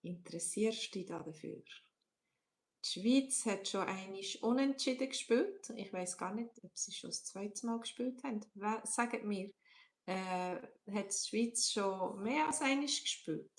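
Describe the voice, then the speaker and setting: Slow-paced Swiss German woman teacher. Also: medium pitch. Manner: slow, repeats questions to viewers, switches between German and English. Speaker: language teacher. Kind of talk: live-stream lesson.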